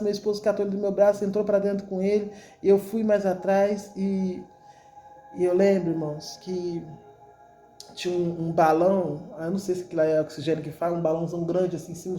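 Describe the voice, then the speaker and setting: A woman's fairly low, dark-toned voice carries her religious testimony to the congregation. A church member with a Brazilian Portuguese accent, she tells her story with feeling and often repeats herself.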